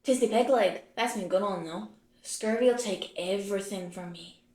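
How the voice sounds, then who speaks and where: A woman's voice: medium pitch, moderate pace, a little mellow, natural voice. A forgetful, blustery pirate ghost with a peg leg, as a woman acts him out. He growls old sea talk in a puppet stage play. The room is echoey. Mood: blustery, grumbling. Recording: roomy echo.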